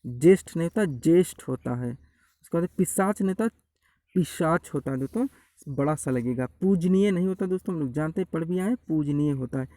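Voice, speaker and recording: A man's voice: a little high, animated, fairly quick, dark tone, no echo, poor audio. A man teaching Hindi spelling for exam prep. He goes through word after word and calls his viewers "friends" again and again. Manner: repeats corrections, addresses viewers as friends. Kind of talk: online exam-prep lecture.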